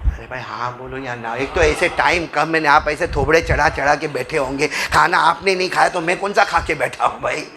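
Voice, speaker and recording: A man giving a Friday mosque sermon, telling stories emotively and addressing the crowd directly. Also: fairly high pitch. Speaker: preacher.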